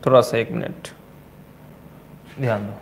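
A man with a Bihari accent teaching physics in a coaching classroom, repeating key terms slowly and asking and answering his own questions. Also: mid-range voice, fairly even intonation, vocal fry, a little hiss or hum. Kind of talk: classroom lecture at a board.

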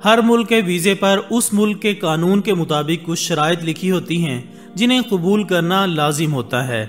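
A high-voiced man reads a scripted documentary narration in measured, formal Urdu, using Arabic religious phrases. Soft music plays beneath him the entire time.

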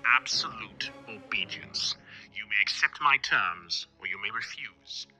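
A man voicing a mysterious vigilante who speaks from the darkness in a slow, low, grave whisper. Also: expressive, pushed and bright, soft background music, full character voice. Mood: commanding.

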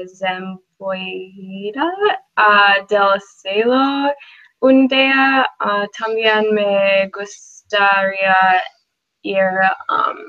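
Young woman, hesitant, self-correcting, very slow, bright tone, muffled lo-fi webcam. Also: mid-range voice. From Minnesota, USA. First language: English. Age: young adult. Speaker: Spanish student. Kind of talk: scripted class oral exchange. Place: small room indoors. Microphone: webcam at desk. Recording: dull lo-fi webcam audio.

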